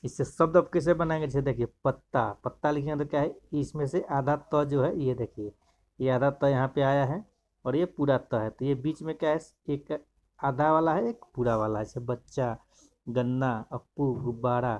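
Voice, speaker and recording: A man's voice: mid-range voice, normal speed, darkish tone, lo-fi sound. A man teaching a grammar lesson, explaining step by step and pointing to examples as he goes.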